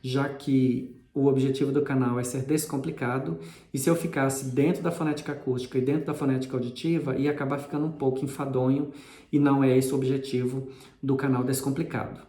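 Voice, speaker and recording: A man's voice: mid-range voice, flat delivery, fairly quick, dark tone. Man teaching, echoey room. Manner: patient, repeats key terms. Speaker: linguistics teacher. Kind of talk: explanatory lesson.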